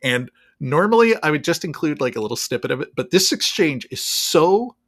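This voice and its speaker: Man, podcast co-host, casual chat, wry, laughs often, animated, high-ish, lively pitch. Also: a little fast. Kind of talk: casual chat, reading news quotes.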